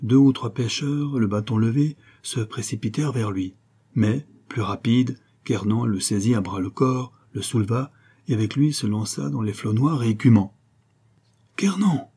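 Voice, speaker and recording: A man narrating a historical novel as an audiobook, telling the story at a steady, measured pace. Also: mid-range voice, slightly rough.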